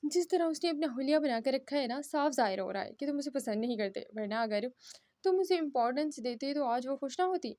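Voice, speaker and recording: A brash, scheming young woman, read by a woman, needles and taunts in a storybook reading. The voice is high. The sound is dry. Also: expressive, a little fast, warm tone, dry recording. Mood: taunting.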